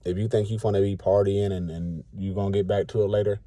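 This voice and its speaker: A man's voice: fairly low pitch, little pitch movement, fast talker, dark tone, no echo. A man in his late thirties giving a blunt, colloquial, preachy rant to the camera. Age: 30s. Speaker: vlogger.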